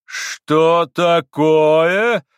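A man's voice: a little high, expressive, slow, no echo, clean studio sound, pitched above the performer's own voice. A man doing a pompous, clipped doctor. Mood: indignant. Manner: clipped, pompous, stressing each syllable. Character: haughty impatient middle-aged male doctor.

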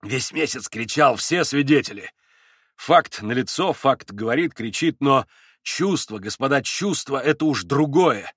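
A man reading aloud and voicing an agitated young man under questioning who talks fast, nervously and effusively. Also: mid-range voice, expressive, fairly bright tone, slightly rough, no room sound, studio quality. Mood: exclaiming.

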